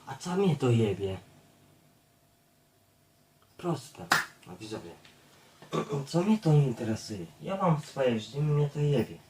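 A man's voice: mid-range voice, sing-song, takes it slowly, pauses often, mellow, a little hiss or hum. Profane ranting man in an echoey room. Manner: blunt, profane, repetitive; addresses viewers constantly. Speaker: YouTube streamer. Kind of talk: ranting monologue to viewers. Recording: echoey room, far from the mic.

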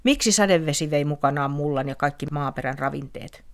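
A woman voicing Otus, a kind, furry, winged forest creature who asks questions plaintively. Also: low voice. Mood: puzzled.

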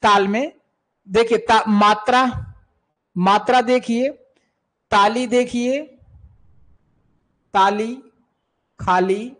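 High-voiced man coaching music exams. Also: steady tone, very slow, pauses often, a bit bright, poor audio. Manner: repeats key terms, addresses students as beta. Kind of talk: online coaching lesson with viewer questions.

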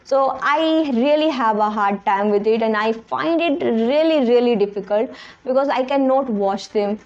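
Sitting in a small bedroom with the camera close in front of her, a young woman whose first language is Hindi speaks plainly and earnestly about learning English. She has a fairly high voice and keeps a moderate pace, though the audio sounds dull.

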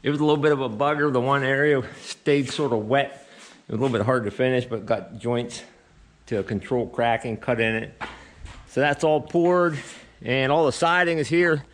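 A man's voice: medium pitch, moderate pace, a little hiss or hum. A middle-aged man filming a casual walk-and-talk vlog outdoors on a head-mounted action camera, talking in an easygoing, rambling way with many restarts. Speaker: vlogger and beekeeper. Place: outdoors at a rural building site.

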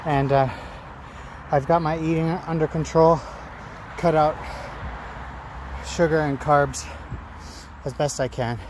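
A middle-aged man talking casually to his phone outdoors in a halting, phrase-by-phrase way, as an amateur runner making a vlog. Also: a little high, steady tone. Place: outdoors among trees. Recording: noisy outdoor ambience with traffic. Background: outdoor and vehicle noise.

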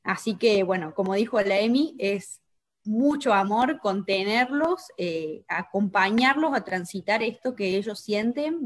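A woman with a Chilean Spanish accent calmly explaining parenting techniques on a local talk show, with frequent hesitations. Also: medium pitch. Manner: calm, explanatory, many hesitations. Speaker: co-host. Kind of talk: casual talk show conversation.

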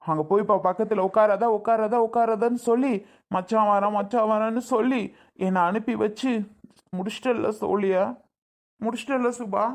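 A woman's voice: medium pitch, steady tone, normal speed, lightly acted. A woman playing a young married man torn between his wife and his sister, who pleads and then accuses in an amateur family drama skit. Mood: bitter.

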